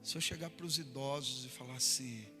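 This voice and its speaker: A man with a Brazilian Portuguese accent, a pastor preaching a sermon in a church hall and acting out everyday examples with lively energy. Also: mid-range voice, moderate pace, faint music behind.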